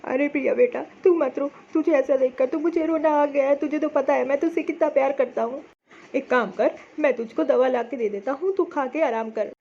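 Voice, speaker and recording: A woman voices a kind, reassuring father comforting his crying daughter in a cartoon story, her manner coaxing and the mood soothing. Her voice sits high and a little mellow, she speaks fairly quickly, and the highs are cut off.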